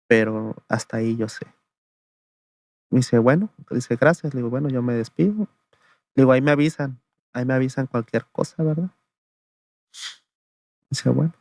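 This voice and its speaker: A man's voice: medium pitch, no room sound. A man, telling his own testimony in an interview in a conversational way, often tagging his sentences with "le digo" and "¿verdad?". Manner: gravelly, flat storytelling, often adding "le digo" and "¿verdad?". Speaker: interview guest giving testimony.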